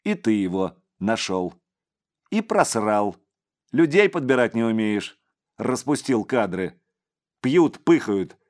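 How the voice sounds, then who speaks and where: A man's voice: on the low side, very animated, takes it slowly, pauses often, darkish tone, pitched above the performer's own voice. A man voicing a domineering middle-aged crime boss who barks out scolding commands.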